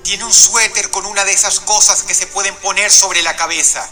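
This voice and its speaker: A man reading the lines of a frightened little boy calling an emergency line, in a quiet, trembling way. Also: high voice, steady tone, normal speed, soft background music. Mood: scared.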